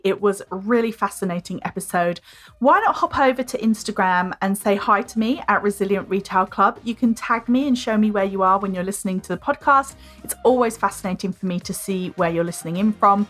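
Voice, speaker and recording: A woman's voice: mid-range voice, fairly bright tone. A woman hosting a podcast, thanking her guest and reading an upbeat, polished outro. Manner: upbeat, friendly, polished promotional delivery. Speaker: podcast host. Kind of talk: interview hosting and scripted outro.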